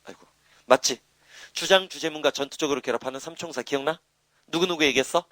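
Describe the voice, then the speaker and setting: A man's voice: a little high, quick pace, dry recording. A man giving a live English grammar lecture, nudging students with constant rhetorical questions and boastful asides. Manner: animated, prods students with rhetorical questions and tags.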